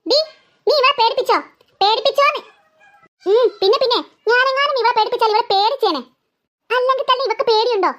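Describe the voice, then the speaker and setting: An impatient cartoon mother, played by a woman, scolding in a brisk, scornful way. Her voice is set very high. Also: fairly bright tone. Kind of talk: cartoon voice acting.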